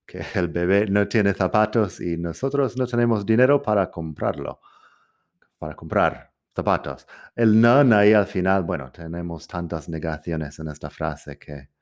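A man's voice: deep voice, normal speed, darkish tone. A man teaching a grammar lesson, patiently repeating each example and translating it. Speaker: English teacher.

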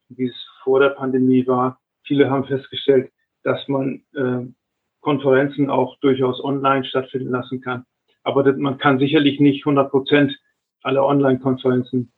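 An older man, a retired airline captain, giving measured advice in an interview, often restarting his sentences. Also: medium pitch, breathy edge. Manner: measured, advisory, frequent restarts. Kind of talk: reflective interview answers. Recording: narrow phone-like line.

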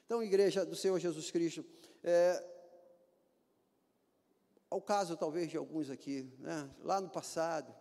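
Pastor guy preaching, high voice, jokey and folksy, long church echo. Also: fairly even intonation, a little slow, gravelly, pauses often, warm tone. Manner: folksy, joking, rising emphatic delivery. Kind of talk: sermon. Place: church hall.

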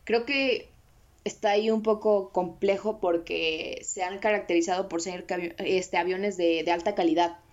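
A woman's voice: lowish voice, fairly even intonation, normal speed, muffled recording. A woman with a Mexican accent, co-hosting a casual discussion and rambling with fillers and restarts. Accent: Mexican Spanish. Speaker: podcast co-host.

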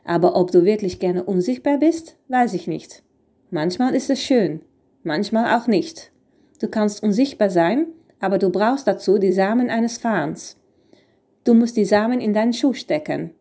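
A woman voicing a slow, grumbling little elf man. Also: mid-range voice, animated, mellow. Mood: lecturing. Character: tiny male elf in green, cranky then kindly.

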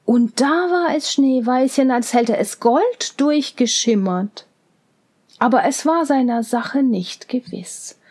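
A woman reading a fairy tale aloud in a calm, measured way, letting phrases fade into whispers. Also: high-pitched, slightly rough. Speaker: storyteller.

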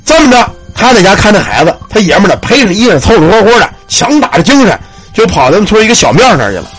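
A man telling a ghost story, animated, with shouted cries and sound words. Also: high-pitched, quick pace, faint music behind.

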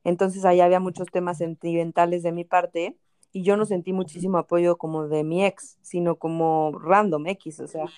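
A woman's voice: lowish voice, flat delivery, moderate pace, darkish tone, clear, resonant tone, no echo, studio quality. A young woman with a Mexican accent casually telling a personal story, full of fillers and English words. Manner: chatty, fillers like o sea and este, English words mixed in.

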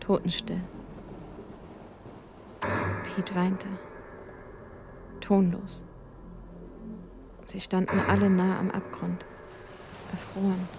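A woman narrating a suspense story in a slow, hushed, dramatic reading. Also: on the low side, monotone, creaky, noisy background.

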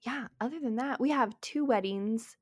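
A woman's voice: a little high, normal speed, a little mellow, dry recording, clean studio sound. A young woman co-hosting a casual podcast, upbeat and enthusiastic, swearing freely. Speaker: podcast co-host.

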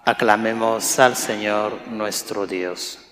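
A man speaks as a priest at Mass in a solemn, measured way. His voice sits a little low and moves slowly, carried by the long echo of a big church. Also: steady tone, fairly bright tone, a little hiss or hum. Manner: solemn, deliberate phrasing. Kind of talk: liturgical Gospel reading and homily. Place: large reverberant church. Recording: echoing church acoustics with long reverb.

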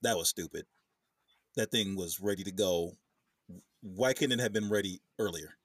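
A man's voice: sits low, moderate pace, husky, no echo, clean studio sound. A man co-hosting a casual movie podcast, upbeat and steering the talk along. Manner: upbeat, steers the talk, says dude a lot. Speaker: podcast co-host.

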